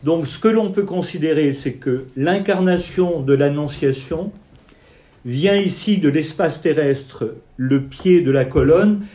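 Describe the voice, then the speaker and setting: A man of Italian family background gives an evening talk on art history in a fairly high, mellow voice, speaking unhurriedly. He walks through paintings step by step, pointing out details and talking with his hands.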